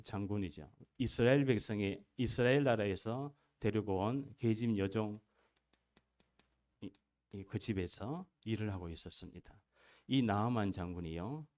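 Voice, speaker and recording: Low-voiced pastor guy preaching in church, gets loud and asks the crowd questions. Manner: emphatic preaching with rising bursts and rhetorical questions. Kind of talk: sermon. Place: church sanctuary.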